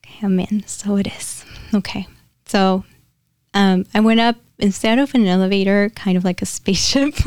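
A young woman guest on a podcast, chatting casually and describing a spiritual channeling, often laughing and dropping to a soft near-whisper. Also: medium pitch, creaky, clean tone, dry recording, studio quality.

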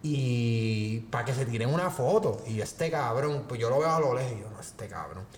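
A man's voice: medium pitch, normal speed, roomy sound, slight background noise. A young Puerto Rican man, a podcast co-host, telling stories in casual chat and acting out what people said. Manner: animated storyteller, acts out quoted voices.

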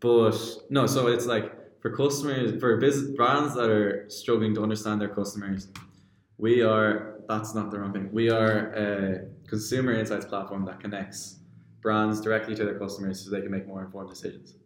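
A man's voice: fairly low pitch, flat delivery, normal speed. A young man co-hosting a podcast in sweary, informal, unscripted chat, recorded in an echoing cave-like room. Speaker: podcast co-host.

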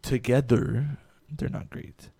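A man's voice: mid-range voice, steady tone, slow, gravelly, mellow, husky, dry recording. A man in a casual sports chat, rambling through a game story with restarts and casual swearing. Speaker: podcast co-host.

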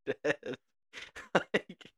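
A young man, a podcast co-host telling a family story in a casual, animated way and laughing often. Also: drawn-out words.

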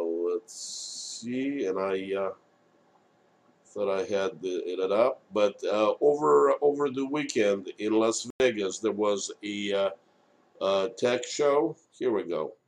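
A man hosting an unscripted live stream of political commentary, speaking haltingly with many filled pauses. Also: on the low side, a little mellow, a little hiss or hum. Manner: halting, frequent long hesitations and filled pauses.

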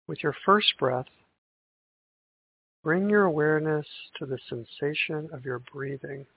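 A man guiding a breathing meditation in a calm, gentle, meditative tone, on a thin band-limited recording. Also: on the high side, measured pace. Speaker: meditation guide. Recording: tinny band-limited audio with hiss.

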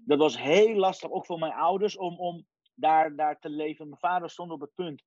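A man's voice: fairly high pitch, moderate pace, no room sound. Man from Iran telling his story. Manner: lively storyteller, sprinkles in English phrases. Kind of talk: casual personal storytelling. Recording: dry, dull lo-fi sound.

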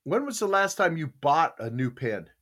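A man hosting a talk show, chatting casually and reading items aloud with theatrical, drawn-out emphasis. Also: on the high side, big pitch swings, fairly bright tone.

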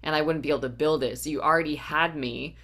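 A woman's voice: deep voice, fairly even intonation, quick pace, a bit bright. A woman hosting a faith podcast as a life coach, talking earnestly and often asking "right?". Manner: earnest, uses "right?" tags. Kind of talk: encouraging podcast talk.

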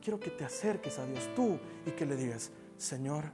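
A man preaching a sermon as pastor, earnest, rising to loud urging and dropping to near whispers. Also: fairly high pitch, animated, a little fast, loud music behind the voice. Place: church meeting hall, also streamed online.

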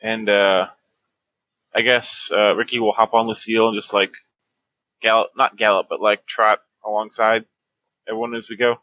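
Bright-voiced man at a game table. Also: lowish voice, little pitch movement, normal speed, long pauses, no echo. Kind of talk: casual game table chat.

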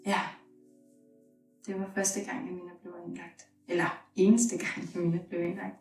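A woman, a mother, being interviewed, talking hesitantly with pauses and fillers. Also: fairly low pitch, level tone, a little mellow, recorded from a distance, faint music behind. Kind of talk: casual interview talk. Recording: roomy, away from the mic.

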